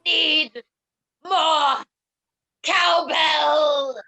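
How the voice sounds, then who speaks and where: A woman performing quick improv bits in a playful way. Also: sits high, fairly even intonation, creaky, pushed and bright, rough recording.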